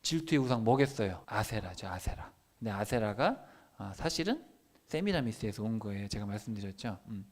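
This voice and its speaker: A man, a pastor, giving a children's sermon in church, animated and full of questions to his listeners. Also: lowish voice, a little fast.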